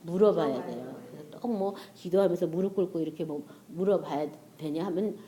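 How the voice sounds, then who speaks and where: A woman's voice: on the low side, fairly quick, warm tone. A woman preacher giving a casual, conversational sermon and acting out prayers and inner voices.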